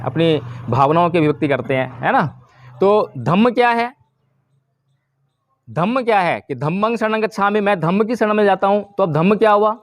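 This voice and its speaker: High-voiced man giving a Dharma talk. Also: dry recording. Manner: explanatory, asks the audience questions. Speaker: Buddhist teacher.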